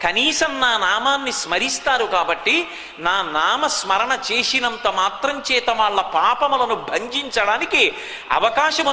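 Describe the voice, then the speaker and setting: A man giving an animated devotional sermon, recounting stories emphatically, heard in an echoey hall. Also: high voice. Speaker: spiritual discourse speaker. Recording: echoey hall, long reverb.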